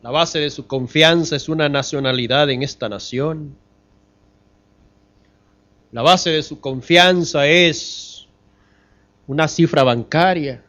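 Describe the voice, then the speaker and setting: High, bright-voiced preaching man. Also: slow pace, long pauses, muffled recording. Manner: preaching with rhetorical questions and swings from loud to hushed; addresses the congregation as brothers. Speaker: pastor. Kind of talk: sermon.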